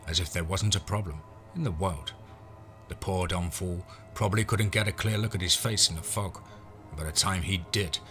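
A man's voice: low voice, bright, forceful tone. A man narrating a scripted horror western in the first person, as a storyteller.

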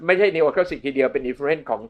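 A middle-aged man in casual conversation, explaining history and art in a digressive lecturing way, slowly stretching out foreign words. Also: a little high, phone-quality sound. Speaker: art history scholar and co-host.

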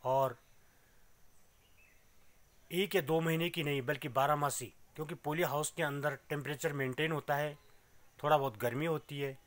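A man's voice: on the high side, steady tone, moderate pace, pauses often, fairly bright tone, dry recording. A middle-aged man giving a casual vlog tour of his small organic farm greenhouse, explaining the crops to viewers as he films on a phone held at arm's length. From Uttarakhand, India. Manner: plain, explanatory, pointing things out to viewers. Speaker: organic farmer. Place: inside a small polyhouse greenhouse. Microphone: phone camera held at arm's length.

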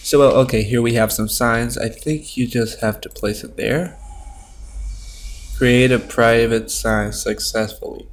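Here a Minecraft streamer talks through his gameplay at an unhurried pace and with fairly even intonation, his commentary rambling and profane as he thinks aloud. The sound is low-quality stream audio from a webcam mic at his home computer, with slight background noise.

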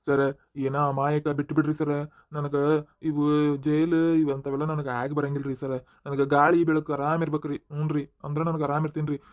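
A man puts on a petty cartoon thief who whines and begs without pause, his voice sitting a little high. He pleads with the police, tacking "sir" onto every line. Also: flat delivery, natural voice. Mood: pleading. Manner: pleading, whiny, repeats "sir". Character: whining petty male thief under arrest. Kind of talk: cartoon voice acting.

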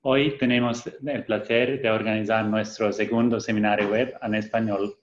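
A man's voice: on the low side, level tone, moderate pace. A young man hosting a webinar over a video call and introducing a guest. He speaks politely and formally, with hesitant fillers and self-corrections. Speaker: webinar host. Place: indoor room, on a video call. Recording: roomy, dull video-call audio.

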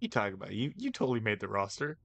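Young male streamer, joking game commentary, bright tone, dry close sound. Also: lowish voice, sing-song, rapid-fire, vocal fry, dry recording. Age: 20s. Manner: reactive, joking. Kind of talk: gameplay commentary. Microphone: headset.

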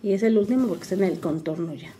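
Mellow older woman teaching embroidery. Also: medium pitch, racing, slight background noise. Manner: patient, calmly narrates each stitch while working. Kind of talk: step-by-step craft tutorial.

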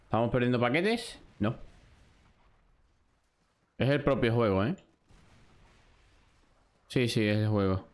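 A young Spanish gaming streamer with a Spain Spanish accent gives live commentary while playing a shooter. His mid-range voice is expressive and slow, with long pauses, as he talks to himself and his chat and swears when he loses.

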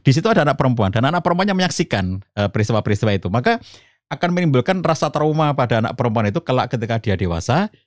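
A middle-aged man from the Solo region of Central Java, a family counselor speaking as a podcast guest in a calm, explanatory way, rising in pitch when stressing a point. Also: racing, no room sound, studio quality. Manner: calm explanatory, addresses host as Ustaz, rises in pitch for emphasis. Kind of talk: conversational religious talk.

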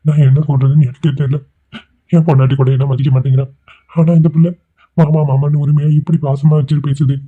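A man's voice: on the high side, little pitch movement, fast talker, breathy edge. A man voicing a remorseful, self-pitying middle-aged man who drinks, pleading and lamenting in a cartoon drama. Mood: sorrowful. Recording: tinny phone-like sound.

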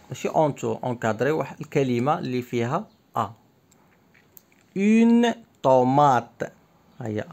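A man teaching a workbook lesson to young pupils. He reads each word twice, slowly and clearly, then explains the instructions again in Arabic. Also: mid-range voice, darkish tone.

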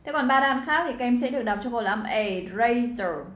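Speaking very fast in a high, slightly bright voice, a woman from Vietnam walks her students through an exam as their English teacher. She is chatty, talks to them directly, and fills her speech with fillers, all in an echoey room.

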